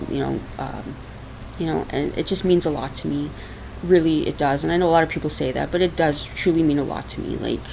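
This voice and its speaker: Low, gravelly and darkish, the voice belongs to a minister from Portugal hosting a relaxed spiritual podcast packed with laughs and fillers. The audio is poor, a raw laptop-microphone recording with faint hiss, made with the laptop on her lap in a dark, hot room at home.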